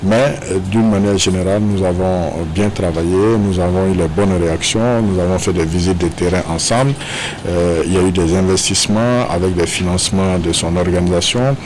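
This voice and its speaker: A man's voice: sits low, steady tone, moderate pace. A man, a government official, answering an interview with many hesitations and fillers. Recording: background noise.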